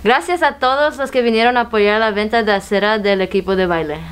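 A woman's voice: mid-range voice, fairly quick, clean tone. A teenage girl anchoring a school news show in an upbeat, scripted read. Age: teens.

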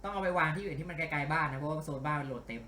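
A man giving casual let's-play commentary, animated and grumbling and cursing at the game as he plays. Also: on the high side, very fast, reverberant, slight background noise. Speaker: game streamer.

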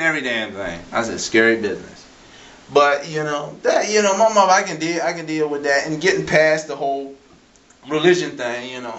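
A man hosting his own vlog in a comedic, rambling rant, profane and animated, full of "I mean" and "you know" fillers. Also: on the high side, recorded from a distance, a little hiss or hum. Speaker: vlog host.

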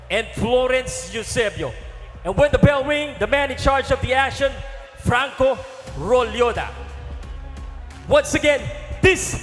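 A man working as a ring announcer, hyping fights with drawn-out boxing-style introductions over a PA. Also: extremely high pitch, fairly bright tone. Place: indoor sports club fight cage. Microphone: handheld microphone over PA. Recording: echoey arena PA, music behind.

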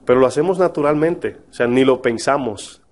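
A male pastor leads a Bible study before a live audience, speaking in a relaxed, conversational way at a fairly quick pace with a medium-pitched voice. He often checks in with his listeners by asking questions.

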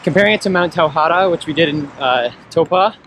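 A man's voice: fairly high pitch, fast talker, fairly bright tone. A young man chatting casually to a handheld camera by a roadside, rating a hike for a travel vlog. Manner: easygoing, upbeat, laid-back fillers. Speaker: travel vlogger. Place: outdoors by a roadside. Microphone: action camera held at arm's length. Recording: camera mic with outdoor noise.

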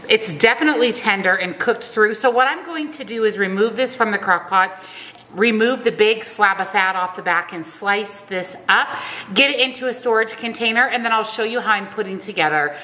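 A woman in her thirties chatting brightly through a cooking walkthrough in her home kitchen. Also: medium pitch, moderate pace. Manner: upbeat, chatty. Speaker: food vlogger.

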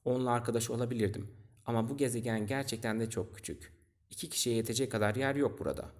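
A man's voice: medium pitch, quick pace, close to an everyday voice. A man voicing a curious young prince. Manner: earnest, questioning.

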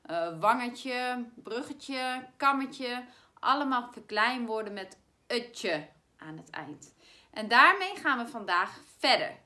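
A woman teacher with a Dutch accent giving a spelling lesson to primary pupils, saying words slowly and clearly so they can be spelled. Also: on the high side, big pitch swings, sharp tone. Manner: slow, clear, stretches words to spell them out.

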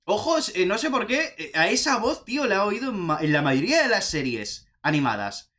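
A young man with a Spanish accent from Spain, chatting excitedly as he reacts to a video game trailer. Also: sits high, fairly quick. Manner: excitable, chatty, says "tío" often. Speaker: gaming youtuber reacting to a trailer.

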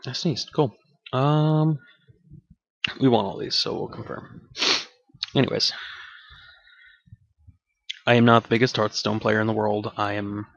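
Man, low voice, rambling gameplay commentary, offhand with swearing, dull dry home mic. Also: gravelly, fairly bright tone, no room sound. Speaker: gaming channel host. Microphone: desk microphone with game audio bleeding in.

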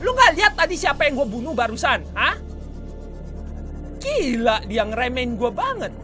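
A man doing excitable, trash-talking let's play commentary, mixing in English swears. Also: very high-pitched, moderate pace, over music. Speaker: gaming YouTuber.

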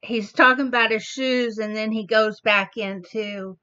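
A woman hosting a reaction video, slowly explaining the wordplay of a song line by line. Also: a little high, fairly even intonation, bright, forceful tone. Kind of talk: casual commentary. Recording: dull lo-fi audio.

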